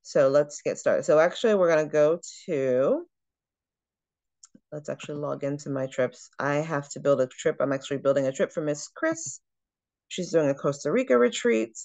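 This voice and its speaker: A woman who trains travel agents, giving a chatty screen-share walkthrough of software and thinking aloud as she clicks through it. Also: deep voice, moderate pace, dry recording.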